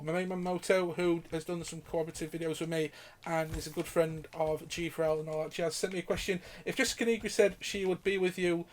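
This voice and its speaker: A man with a fairly high voice talks over his gameplay in a loose, live commentary. He rambles from one viewer question to the next, swearing casually and laughing as he goes. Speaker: gaming channel host.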